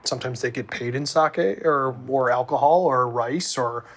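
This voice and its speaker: A man's voice: mid-range voice, steady tone, normal speed, a bit bright. Chatty male host from the Midwest. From American Midwest. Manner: chatty, tangents, stammering restarts. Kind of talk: conversational interview.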